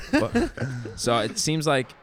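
A man hosting a casual podcast chat, joking and firing off questions. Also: high voice. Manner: joking, rapid-fire questions. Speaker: podcast host.

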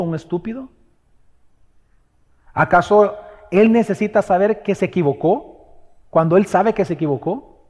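A man preaching a sermon, firing off rhetorical questions and swinging between loud exhortation and hushed, tender passages. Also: high-pitched. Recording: long hall reverb.

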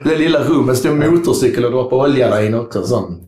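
A man's voice: mid-range voice, lively intonation, dark tone, roomy sound. A man telling a long story in casual interview chat, rambling and swearing freely. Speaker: guest.

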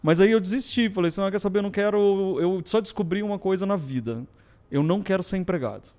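Animated, high-voiced man telling stories. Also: quick pace. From southern Brazil. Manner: animated, acts out quoted dialogue. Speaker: guest photographer. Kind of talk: casual interview storytelling.

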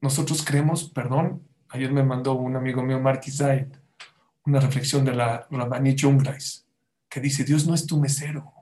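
A man's voice: medium pitch, steady tone, normal speed, warm tone. A man giving a sermon as a rabbi, telling stories and asking the audience rhetorical questions.

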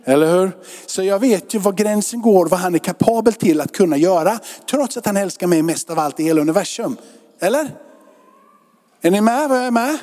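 A male pastor preaches in a church, his voice pitched somewhat high but with a dark, mellow tone. He talks to the congregation in a loose, conversational manner and keeps checking that they follow along. The sound carries a long reverb from the church hall. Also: animated. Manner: conversational preaching with rhetorical questions. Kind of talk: sermon.

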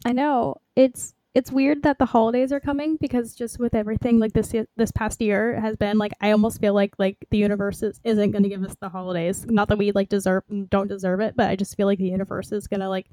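Woman cohost, mellow voice, casual geeky chat, really dry sound. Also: medium pitch, little pitch movement, fast, hardly any pauses, dry recording. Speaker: podcast co-host.

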